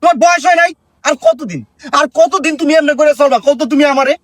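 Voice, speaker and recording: Brief: high, fast-talking exasperated son, played by a man, lecturing and scolding, dry sound. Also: animated, dry recording. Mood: angry. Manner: exasperated, lecturing, rising to shouts. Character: exasperated grown son, scolding his gossiping mother. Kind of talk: comedy skit acting.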